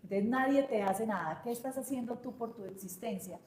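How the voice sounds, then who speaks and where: A woman's voice: a little high, a little fast, a little mellow, reverberant, a little hiss or hum. A woman hosting a live conversation, asking reflective questions and affirming her guests. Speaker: host of a live show. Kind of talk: warm conversational interview.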